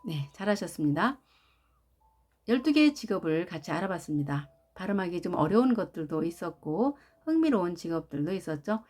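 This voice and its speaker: A woman teaching English words for jobs, who speaks slowly and often starts her phrases with "자" while she drills the stress of each word. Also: lowish voice, sing-song, darkish tone, soft background music. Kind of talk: slow, careful lesson narration.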